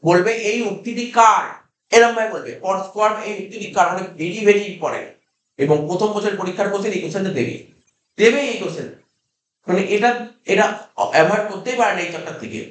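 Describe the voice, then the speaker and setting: A man with a Kolkata Bengali accent teaches a class, his voice pitched high for a man. He keeps repeating key terms and firing questions back at the students. The room around him is echoey. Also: a little fast, fairly bright tone. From India. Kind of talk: classroom lecture.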